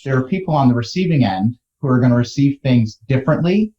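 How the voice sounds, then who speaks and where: A man's voice: mid-range voice, expressive, quick pace, dark tone, lo-fi sound. A man talking casually as a business guest in a conversation.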